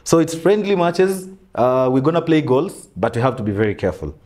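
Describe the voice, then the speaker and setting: A young man hosting a sports betting-tips show in a small studio, running through picks in a relaxed, casual way. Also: mid-range voice, a little fast. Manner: relaxed, lists picks with frequent "mm" backchannels. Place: small studio in front of a brick wall backdrop.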